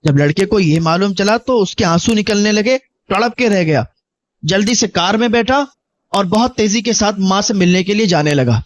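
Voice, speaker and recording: A man's voice: high voice, lively intonation, no echo. A man preaching a sermon, telling a moral story earnestly and exhorting his listeners. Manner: earnest, exhorting, acts out dialogue. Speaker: Islamic preacher.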